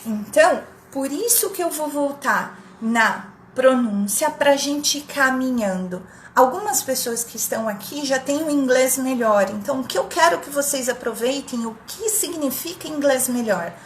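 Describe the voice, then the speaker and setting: A woman's voice: high-pitched, lively intonation, normal speed, hardly any pauses, echoey room, a little hiss or hum. A Brazilian woman teaching English in a live online lesson, drilling pronunciation by repeating words and reading out viewer comments. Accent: Brazilian Portuguese. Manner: reads out chat comments from viewers. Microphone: computer mic on a live stream.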